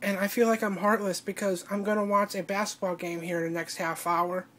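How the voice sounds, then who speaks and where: A woman crying as she speaks in a personal video diary, halting and breaking off to restart her sentences. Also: mid-range voice, level tone, a bit bright. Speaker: vlogger.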